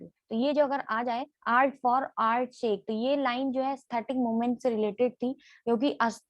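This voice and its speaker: In a dry recording, a high-voiced woman goes over literary terms for an exam. Each definition gets a slow reading and then an explanation, as she repeats key words and answers her own questions.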